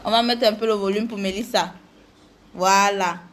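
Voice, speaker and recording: A woman's voice: medium pitch, steady tone, moderate pace, a little hiss or hum. A woman chatting casually with viewers during a live makeup tutorial, greeting them by name.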